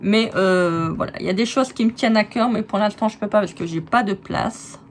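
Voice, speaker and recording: A woman talks through a casual crafts haul at home, gushing and full of fillers and restarts. Her voice sits at an ordinary middle pitch. A faint background noise runs under the recording. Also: a little fast. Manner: chatty, enthusiastic, many fillers and restarts. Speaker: crafts vlogger. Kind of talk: casual haul video chat.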